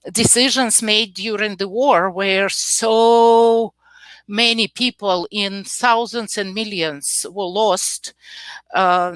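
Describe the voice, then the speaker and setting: A woman from the Soviet Union speaking as a panelist, brisk and emphatic. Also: mid-range voice, a bit bright, dry recording. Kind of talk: panel discussion.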